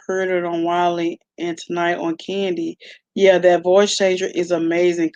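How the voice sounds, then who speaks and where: A woman with a lowish voice, the highs cut off, hosts a casual livestream. She reacts to online gossip, chatting with viewers in a slangy, informal, conversational way.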